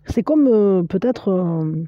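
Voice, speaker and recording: A woman giving a spiritual tarot card reading, speaking straight to the viewer in an encouraging, halting way full of fillers and restarts. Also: mid-range voice, animated, no room sound, lo-fi sound.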